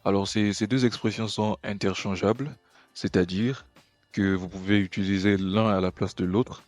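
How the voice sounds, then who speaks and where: A man's voice: fairly low pitch, steady tone, moderate pace, no echo, soft background music. A man teaching English pronunciation and greetings in a patient, explanatory way, often checking in with "ok?". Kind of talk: explanatory language lesson.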